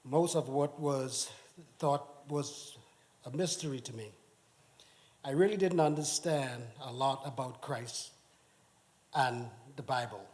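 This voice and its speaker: A middle-aged man from the Bahamas giving a personal testimony in church, speaking haltingly with many restarts. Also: mid-range voice, darkish tone. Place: church sanctuary.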